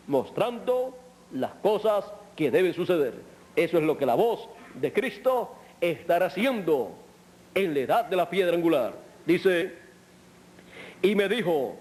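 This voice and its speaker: Man, preacher, high voice, slow deliberate sermon delivery. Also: a little mellow. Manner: deliberate, drawn-out phrasing with long pauses. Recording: old sermon recording.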